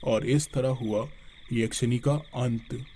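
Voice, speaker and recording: A man narrating a horror story in a steady, scripted storytelling manner. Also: medium pitch, slow pace, slight background noise.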